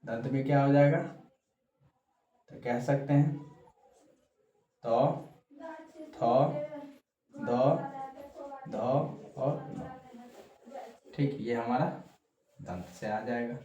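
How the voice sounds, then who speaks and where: A man with a Bihari Hindi accent giving a casual exam-prep lesson, repeating points slowly and checking in with the class. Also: medium pitch, warm tone, highs cut off. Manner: slow, repetitive, frequent "ठीक" check-ins. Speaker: teacher. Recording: roomy echo, faint background noise.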